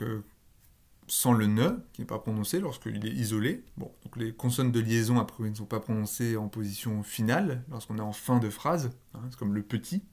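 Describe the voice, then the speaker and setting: A man teaching a recorded linguistics lecture, blunt and emphatic, with casual asides and key words drawn out for stress. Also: medium pitch.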